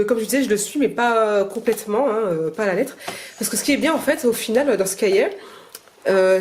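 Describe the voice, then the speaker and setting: A woman's voice: mid-range voice, a little mellow, a little hiss or hum. A mother filming at home, teaching her children and explaining her lessons in a casual, hesitant way. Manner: hesitant, fills pauses with "euh"; patient, encouraging with the children.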